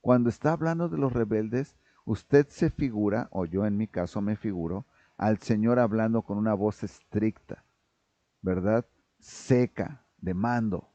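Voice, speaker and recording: A man preaching a sermon in a low, mellow voice, speaking emphatically and pausing to ask his listeners whether they follow. The recording is dull and lo-fi, with a dry, close sound. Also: dry recording. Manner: emphatic, often checks in with listeners by asking "right?"; raises his voice when reading scripture aloud. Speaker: pastor.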